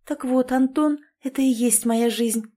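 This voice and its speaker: Woman doing young woman, high, pleading, breathless, mellow tone, read-aloud story. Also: steady tone, a little slow.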